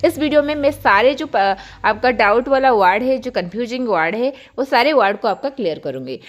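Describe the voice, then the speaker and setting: A young woman from India teaching English grammar online, explaining word pairs warmly to viewers she calls children. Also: a little high, lively intonation, fairly quick.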